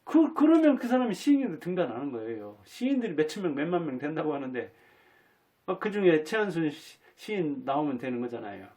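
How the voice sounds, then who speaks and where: A man's voice: a little high, big pitch swings, brisk, warm tone. A man in his fifties or sixties from North Jeolla, hosting his own channel and talking through his thoughts in an earnest, folksy way. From Jinan, North Jeolla, Korea. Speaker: YouTube channel host. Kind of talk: solo reflective monologue.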